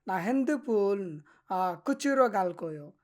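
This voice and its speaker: A woman teaching a vocabulary lesson to learners. She is patient and encouraging, explains slowly with hesitant fillers, and keeps checking in with the class. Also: medium pitch, animated, a little mellow. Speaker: Korean language teacher.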